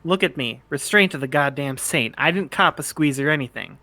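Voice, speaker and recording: A man's voice: a little high, fairly quick, sharp tone, dry recording. A man voicing a snarky, awkward teenage bird-boy sprite in an amateur fan fiction reading, rambling and stammering in casual slang. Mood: wry teasing. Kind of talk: amateur fan fiction read-aloud, character dialogue.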